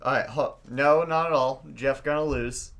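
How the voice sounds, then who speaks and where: Bright-voiced man, rambling, swearing. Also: mid-range voice, moderate pace. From Oklahoma. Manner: rambling, swears a lot, stammers and repeats words, gets worked up. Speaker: podcast co-host. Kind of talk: casual chat.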